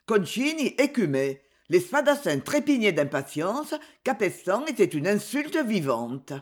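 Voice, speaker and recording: A narrator reading a swashbuckling adventure novel aloud in a dramatic, expressive storytelling manner. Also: mid-range voice, unhurried.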